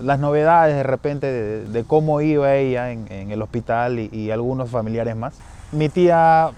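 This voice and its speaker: A man with a Peruvian Spanish accent tells a family anecdote in a relaxed, rambling way, stumbling and restarting often. His voice sits a little high for a man. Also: smooth. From Peru. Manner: rambling, many restarts and tag questions, acts out family voices higher. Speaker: storyteller sharing a personal experience. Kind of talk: casual spoken anecdote.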